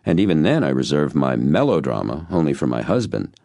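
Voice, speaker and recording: A man reading an audiobook and voicing a warm, playful older woman who teases and takes charge. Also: very deep voice, very animated, brisk, vocal fry, no room sound, clean studio sound, full character voice. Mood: amused.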